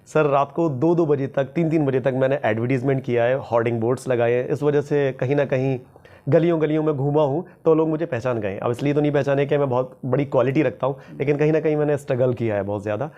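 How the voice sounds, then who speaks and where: A man's voice: mid-range voice, quick pace, mellow, muffled recording. A man teaching English at a local institute, answering interview questions in a casual, humble way, often repeating his phrases.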